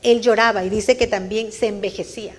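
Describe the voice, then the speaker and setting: A woman's voice: medium pitch, fairly even intonation, fairly quick, slight background noise. A woman preaching a sermon at a church service, earnestly questioning her listeners and repeating phrases for emphasis. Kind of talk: Spanish-language sermon.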